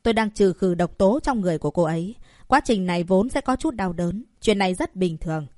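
A woman's voice: lowish voice, expressive, brisk, a little mellow, dry recording, clean studio sound, close to an everyday voice. A woman voicing a serious, composed young male doctor who stands firm. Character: calm steady young male herbal doctor.

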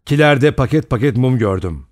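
A man voicing an elderly male judge in an audiobook, measured and composed, a little raised in tone. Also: mid-range voice, animated, dry recording, studio quality, natural voice. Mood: practical. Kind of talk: audiobook character voice.

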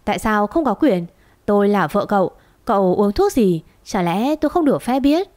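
This is a composed young wife in a wealthy house, cool-headed and firm in her commands, as a woman storyteller reads her lines. She speaks evenly and with quiet authority. Her voice sits at a middle pitch. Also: lively intonation, moderate pace, close to an everyday voice. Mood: indignant. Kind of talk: storybook reading.

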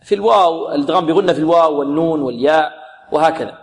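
A man teaching Quran recitation rules, patiently drilling each sound slowly and answering his own questions. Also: a little high, in a large hall. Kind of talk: tajweed lesson with recited examples.

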